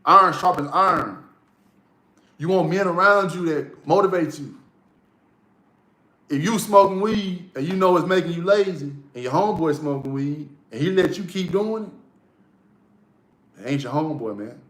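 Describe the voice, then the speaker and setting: A man's voice: a little high, unhurried, long pauses, fairly bright tone. A man giving a casual motivational monologue, blunt and profane, repeating key lines for emphasis. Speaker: motivational vlogger. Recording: echoey room.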